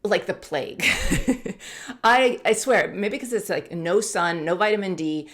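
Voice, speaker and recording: A woman's voice: mid-range voice, slow, a bit bright. A woman from the United States, in her forties, chatting candidly to camera as a YouTuber and laughing often. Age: 40s. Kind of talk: casual talk to camera.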